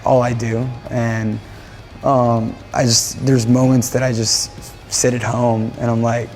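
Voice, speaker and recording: A man's voice: mid-range voice, little pitch movement, takes it slowly, darkish tone, faint music behind. A man from Japan, a band musician, talking casually in an interview in a rambling way, often repeating phrases and restarting.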